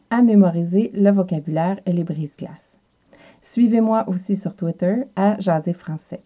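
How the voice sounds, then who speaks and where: A woman with a Quebec French accent hosts a language lesson podcast. Her voice sits a little low, and she enunciates carefully like a teacher modelling phrases. The recording is slightly dull and lo-fi. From Quebec, South Shore of Montreal. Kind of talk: scripted language lesson with repeated practice phrases.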